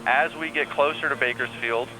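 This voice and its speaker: A man working as an air traffic controller on the radio, calmly giving reassuring step-by-step instructions. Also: medium pitch, moderate pace. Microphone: radio transmission. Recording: air traffic radio with faint hum and noise.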